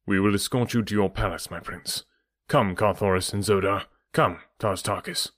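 A man reading the part of a loyal, proud male officer who speaks quietly and steadily. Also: lowish voice, steady tone, moderate pace, no echo, clean studio sound. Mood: calm.

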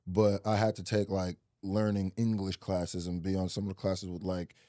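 In a dry, studio-quality recording, a low-pitched young man speaks at a moderate pace as a guest in a casual interview. He is a Nebraska rapper and YouTuber, early childhood in Nigeria, and he rambles loosely, restarting often and saying "like" a lot.

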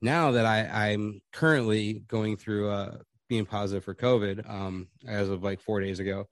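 A man's voice: lowish voice, fairly even intonation, normal speed, dry recording, clean studio sound. Rambling, laughing storytelling man. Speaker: podcast guest. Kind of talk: casual chat.

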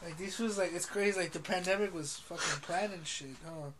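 Sweary man chatting, slightly high voice. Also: a little fast, background noise. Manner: sweary, slangy. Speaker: podcast host. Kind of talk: casual chat.

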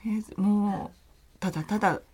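A woman guest in a casual roundtable chat, talking in an animated way. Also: mid-range voice, fairly quick, husky. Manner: animated, laughs often. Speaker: guest parent.

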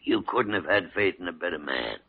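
An actor playing a crusty but devoted older senior doctor in an old radio drama, gruff, emphatic and raspy. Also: male voice, low voice, expressive, fairly quick, exaggerated voice. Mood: firm, fond. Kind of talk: 1940s-50s radio drama acting. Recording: muffled old radio recording.

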